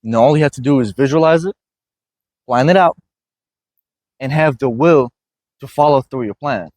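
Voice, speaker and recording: A man's voice: medium pitch, normal speed, a little mellow. A man from Iraq hosting a casual motivational conversation, earnest and often checking in with "you know what I mean". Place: gym.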